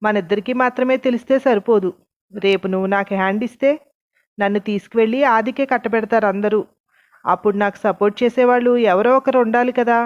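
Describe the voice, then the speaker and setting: A hurt young woman in a story reading, full of doubt and reproach, as a woman narrator voices her. Her middle-pitched voice comes through a dull, lo-fi recording. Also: brisk, close to an everyday voice. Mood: worried.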